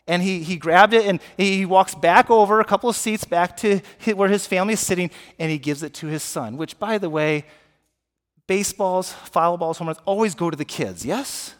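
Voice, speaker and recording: High-voiced pastor preaching in a hall. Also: male voice. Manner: animated, asks the congregation questions. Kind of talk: sermon. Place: church sanctuary.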